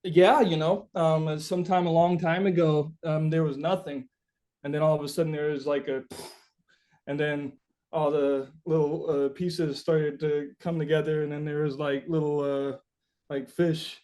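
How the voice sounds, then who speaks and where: Warm in tone and somewhat high, the man's voice stays flat and moves at normal speed. He's being interviewed about his life as a musician, rambling reflectively, philosophizing and repeating phrases as he circles around.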